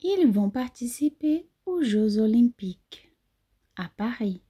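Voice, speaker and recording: A woman teaching French in a slow lesson, repeating model sentences carefully. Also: a little high, sing-song, mellow, breathy edge. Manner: repeats phrases slowly and carefully. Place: lives in Europe.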